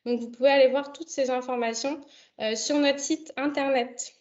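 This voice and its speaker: A young woman with a high voice hosts a live online session. She stops often on fillers and restarts her sentences. Her voice comes through a dull, lo-fi video call line. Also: steady tone, normal speed, darkish tone. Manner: hesitant, many fillers. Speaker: online event host. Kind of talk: hosting a video conference. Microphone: computer mic on a video call.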